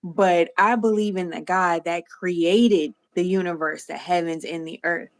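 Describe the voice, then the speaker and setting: Animated woman host telling lively stories. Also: fairly low pitch, measured pace. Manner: animated storytelling with playful acted-out quotes and laughter. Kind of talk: faith-centered livestream interview.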